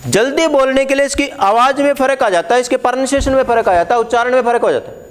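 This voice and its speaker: A man's voice: very high voice, fast talker. A man teaching Hindi letters at a board, explaining patiently, repeating key words and putting questions to the class.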